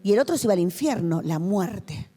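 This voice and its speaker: Speaking briskly at medium pitch, with lively intonation and a dark tone, a female pastor gives a passionate testimony to a church-hall youth gathering. Her Rioplatense Spanish accent colors the vivid storytelling.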